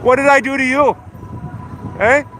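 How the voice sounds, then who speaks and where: A high-voiced man streams live from a city street. He is combative and agitated, swearing and repeating his points over clear street and vehicle noise. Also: fairly even intonation, measured pace. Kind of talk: live street vlog, confrontational talk. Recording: noisy outdoor street livestream. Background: loud street and vehicle noise.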